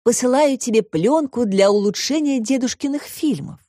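A woman reader voicing a bold, inventive little girl in an audiobook, with a high, eager childlike delivery. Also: moderate pace, dark tone, no room sound, clean studio sound, close to an everyday voice. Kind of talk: audiobook reading.

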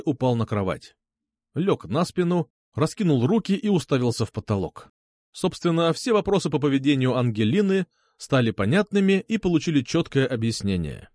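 Wry male audiobook narrator, lively. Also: fairly high pitch, no room sound, studio quality. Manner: wry, ironic storytelling. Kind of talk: first-person fiction narration.

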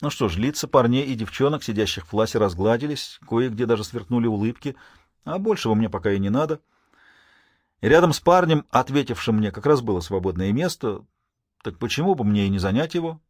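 A man's voice: mid-range voice, animated, brisk, no echo. A man narrating a first-person audiobook, dropping dry, ironic asides along the way.

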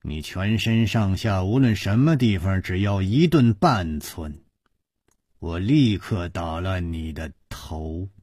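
A man's voice: a bass voice, animated, takes it slowly, pauses often, slightly rough, no room sound, clean studio sound, pitched below the performer's own voice, heavily acted. A man voicing a cold, hard, fierce middle-aged noblewoman who speaks with icy menace and scorn. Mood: icy threat.

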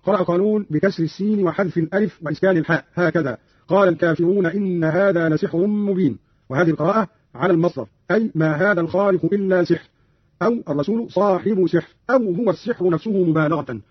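Husky-voiced scholarly man on old radio. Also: sits high, no echo. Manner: measured, precise, scholarly. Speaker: radio presenter explaining Quran readings. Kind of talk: formal explanatory radio talk. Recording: dull lo-fi radio archive.

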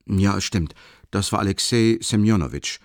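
A man's voice: lowish voice, normal speed, no echo, studio quality, close to an everyday voice. A man reading the lines of a modest male office messenger in an audiobook, matter-of-fact. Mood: polite.

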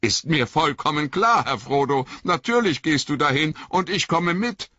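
Sam, the loyal young hobbit, as a man reading a storybook puts him on, pushes his voice high and urgent. He pleads and insists with earnest breathlessness. The dry, slightly dull audio sits close and flat. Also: moderate pace, no room sound. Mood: determined. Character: loyal anxious young male hobbit servant.

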